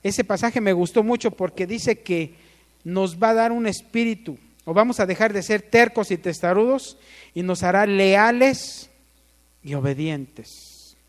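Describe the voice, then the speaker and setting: A man's voice: high voice, normal speed, in a large hall. A man with a Mexican accent preaching a sermon, asking the congregation questions and calling for amens.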